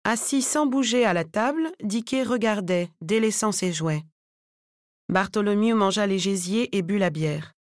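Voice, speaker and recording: A woman narrating an audiobook chapter in a measured, even storytelling manner. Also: mid-range voice, dry recording, clean studio sound. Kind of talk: scripted narration.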